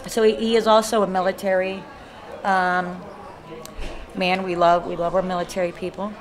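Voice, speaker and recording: A woman's voice: lowish voice, little pitch movement, moderate pace. A middle-aged woman with a Kentucky accent, a guest paranormal investigator chatting casually and rambling with lots of fillers and restarts. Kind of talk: casual live interview chat. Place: haunted hotel event. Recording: live event with crowd chatter behind. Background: crowd chatter.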